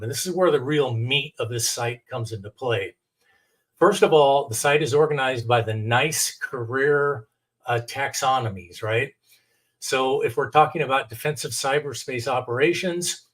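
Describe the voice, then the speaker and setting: Middle aged american guy teaching over screen share, mid pitched voice, polite, explains things step by step. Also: a bit bright. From United States, Oregon. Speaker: technical director and adjunct lecturer. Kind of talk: instructional presentation with screen share.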